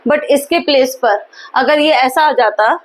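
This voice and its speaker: High-voiced woman teaching grammar. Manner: slow, spelled-out example sentences; asks questions and answers them herself. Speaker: English teacher. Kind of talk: grammar lesson in Hindi.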